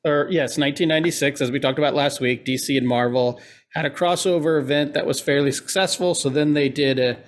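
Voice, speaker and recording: Man, nasal voice, podcast co-host, casual chat, relaxed, filler-heavy. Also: on the high side, a little fast.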